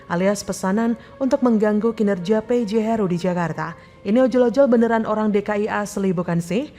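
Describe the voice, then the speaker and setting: A woman reading a scripted, opinionated news commentary in a steady voice over a music bed. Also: medium pitch. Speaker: news narrator. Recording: faint music bed behind.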